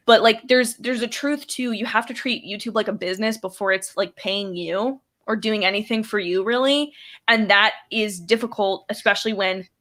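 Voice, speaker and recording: A woman's voice: medium pitch, normal speed, fairly bright tone. A woman guest on a livestream, chatting casually and hedging her points with many fillers.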